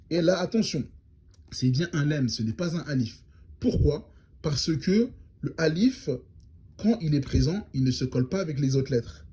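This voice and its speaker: Patient husky male teacher, dark voice. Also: a little high. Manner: patient, repeats syllables slowly and checks with "d'accord?". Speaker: Arabic reading teacher. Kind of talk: step-by-step lesson.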